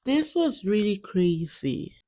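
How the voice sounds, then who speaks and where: A woman's voice: medium pitch, very animated, takes it slowly, warm tone. A woman hosting a commentary channel, talking in a chatty way and reacting to clips. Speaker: YouTube host.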